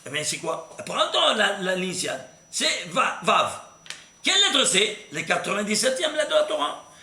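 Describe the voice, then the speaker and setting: A high, bright man's voice with a gravelly edge, teaching a Torah class and firing questions at his listeners. The room rings with echo and a faint hiss sits underneath. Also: moderate pace. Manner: animated, quizzing listeners with questions. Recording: echoey room with faint noise.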